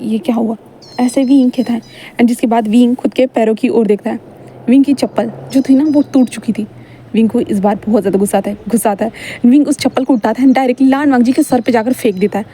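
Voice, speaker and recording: A woman's voice: a little high, warm tone. A woman reading a fan fiction story aloud in chatty narration with frequent fillers.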